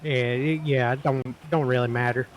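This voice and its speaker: A man's voice: mid-range voice, fairly even intonation, normal speed, slight background noise, low-quality recording. A man speaking in character in a roleplay game, casual and rambling, swearing lightly. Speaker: roleplay player.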